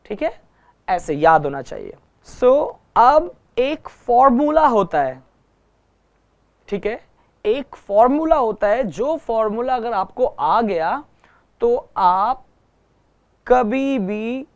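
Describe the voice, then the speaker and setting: A man's voice: high-pitched, clear, resonant tone. A man teaching a guitar lesson, patiently repeating each point and checking that everyone follows. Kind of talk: online music lesson.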